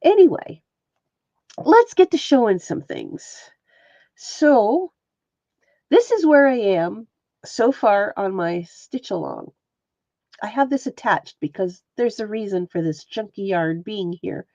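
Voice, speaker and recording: The host of this casual crafting stream is a textile artist whose nose is stuffed up and sniffly. Speaking in a mellow, mid-range voice, she chats with viewers by name while showing her stitches, recorded dry and lo-fi.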